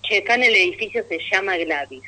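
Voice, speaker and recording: A woman's voice: mid-range voice, animated, fast, pushed and bright, slight background noise, poor audio. A woman with a Rioplatense Argentine accent doing a stand-up monologue on radio, telling stories with chatty asides to the audience and laughing at her own punchlines. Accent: Rioplatense Argentine Spanish. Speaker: stand-up comedian.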